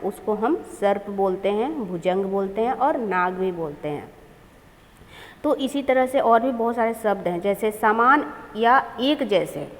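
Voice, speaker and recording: A woman's voice: mid-range voice, in a large hall. A woman teaching a grammar lesson to children, explaining and repeating each word.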